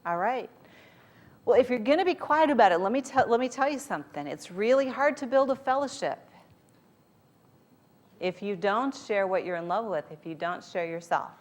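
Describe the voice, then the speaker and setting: A woman's voice: on the high side, lively intonation, normal speed. A woman giving a motivational talk to a live audience, speaking informally and directly, coaxing her listeners. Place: speaking live at a group event.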